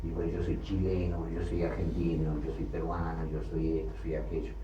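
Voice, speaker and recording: A low, very dark-toned male preacher delivers a sermon, repeating key phrases and swelling into emphasis. He sounds distant from the mic in a roomy hall. The recording is dull and lo-fi with a faint hiss. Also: completely flat delivery, normal speed. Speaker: Bible teacher.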